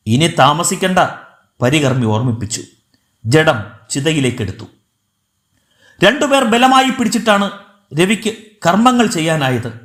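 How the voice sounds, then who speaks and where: A man narrates a novel with dramatic, emotional expression. His voice sits high and moves with lively swings of pitch. The recording has the echo of a bare room. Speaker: audiobook narrator. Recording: echoey room.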